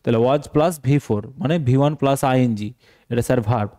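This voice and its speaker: A man's voice: medium pitch, a little fast, dark tone. A male teacher, explaining a translation lesson step by step and posing questions to the class that he answers himself. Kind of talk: translation lesson for exam students.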